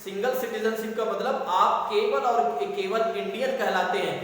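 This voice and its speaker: A man's voice: high voice, moderate pace, a bit bright, heavy reverb, in a large hall, far from the mic, slight background noise, rough recording. A man teaching an exam-prep lesson, who keeps asking rhetorical questions and answering them himself. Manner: repeats points as rhetorical questions.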